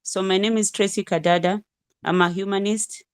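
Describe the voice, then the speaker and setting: A woman's voice: medium pitch, steady tone, normal speed, clean tone, dry recording, studio quality. A woman from Kenya, a musician and caregiver, introducing herself plainly on a group call. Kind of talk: self-introduction on a video call.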